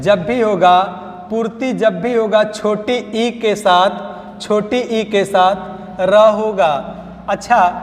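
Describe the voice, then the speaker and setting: A Hindi-accented man with a high voice teaches spelling in a coaching class. He speaks slowly and drills each word through repetition and quick questions. The sound carries the long reverb of an echoey hall. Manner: drills words by slow repetition and quizzing. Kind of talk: spelling lesson at a whiteboard.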